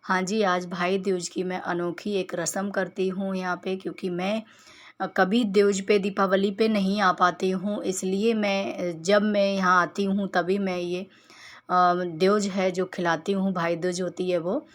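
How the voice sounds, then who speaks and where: A woman's voice: mid-range voice, level tone, unhurried. A woman in her thirties from Uttar Pradesh, narrating her family vlog in a chatty, homely way and walking viewers through each clip. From Uttar Pradesh, India. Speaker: family vlogger. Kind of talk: casual vlog voice-over narration.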